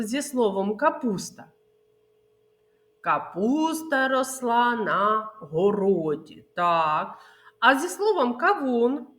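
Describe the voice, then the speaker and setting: Lady kindergarten teacher going through sounds and letters slow with the little ones, pretty high voice. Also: a bit bright. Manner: slow, sing-song, coaxing teacher talk. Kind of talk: early literacy lesson for young children. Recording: echoey room with faint noise.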